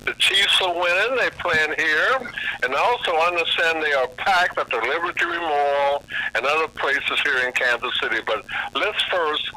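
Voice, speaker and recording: A man hosting a call-in radio talk show, speaking in an unhurried way as he introduces callers and announces events. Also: a little high, pushed and bright. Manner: unhurried, announcing and giving directions. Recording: noisy radio broadcast.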